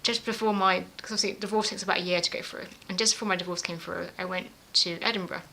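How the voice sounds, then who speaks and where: Woman interviewee, quick talker with a bright edge, lively and self-mocking, laughs a lot. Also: on the low side, vocal fry, slight background noise. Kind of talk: personal storytelling interview.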